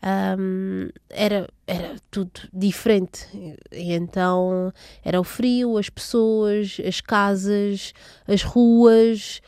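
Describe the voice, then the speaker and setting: A young woman from São Tomé with a mellow, warm tone tells her story in an interview. She pauses often with fillers and restarts. The recording is dry and close. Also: mid-range voice, level tone, clean tone, no echo. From São Tomé and Príncipe. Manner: hesitant, many fillers and restarts. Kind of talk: casual personal recollection.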